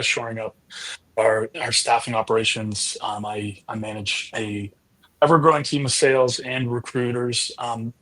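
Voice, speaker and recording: A man's voice: mid-range voice, a bit bright, rough recording. A man speaking as a guest on a panel, hesitant and often repeating words as he talks. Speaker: staffing director, panel guest. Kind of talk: casual panel discussion.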